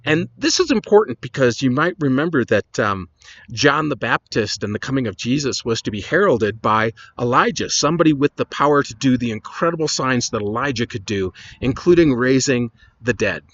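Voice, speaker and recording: A man's voice: mid-range voice, lively intonation, moderate pace, a bit bright, lo-fi sound. A man, a pastor, retelling Bible stories in a casual, conversational lesson with chatty asides.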